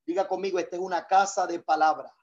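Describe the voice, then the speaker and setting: A man's voice: high-pitched, steady tone, fast, dull audio. A male pastor preaching a sermon, leading call-and-response and repeating key phrases for emphasis.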